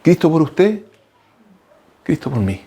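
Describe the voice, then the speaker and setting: A male preacher, delivering an impassioned sermon that swings from loud cries to hushed lines and calls the listeners brothers. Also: very animated, slow pace, creaky, husky. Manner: impassioned, shifting between loud outbursts and low hushed lines; addresses the congregation as brothers.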